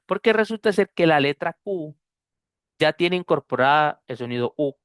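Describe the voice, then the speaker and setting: A man's voice: on the high side, animated, moderate pace, fairly bright tone, clear, resonant tone, no room sound, clean studio sound. A man with a Costa Rican accent teaching pronunciation in an online class, explaining patiently and drilling sounds aloud. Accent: Costa Rican Spanish.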